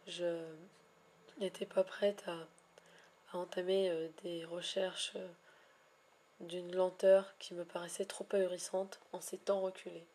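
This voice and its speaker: Husky-voiced woman narrating with ornate phrasing. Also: fairly low pitch, flat delivery, a little slow, mellow. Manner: ornate, wordy phrasing with frequent hesitations. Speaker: Pokémon shiny hunter vlogger. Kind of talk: casual vlog narration.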